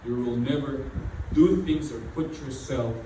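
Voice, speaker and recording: In a very echoey church hall, a middle-aged pastor whose first language isn't English preaches a sermon at an unhurried pace and a medium pitch. He repeats phrases and leans heavily on "you know." He is far from the mic, and background noise is audible.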